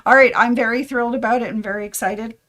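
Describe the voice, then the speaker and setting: A middle-aged woman, a sewing shop host giving casual tips, chatty and rambling, her voice slightly hoarse. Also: a little high, fairly even intonation, quick pace, fairly bright tone. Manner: chatty, rambling with fillers and asides.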